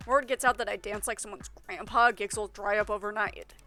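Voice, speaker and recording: A woman voicing a gruff young male musician who talks in short, clipped lines. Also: mid-range voice, fairly even intonation, a little fast, pushed and bright, faint music behind, lightly acted. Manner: gruff, terse.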